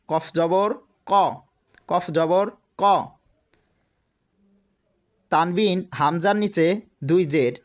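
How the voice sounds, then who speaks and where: A man teaching a recitation class, with a slightly raised voice. He speaks very slowly and patiently, repeating syllables and spelling out vowel marks, then chants the verse more slowly than he explains. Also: a little high.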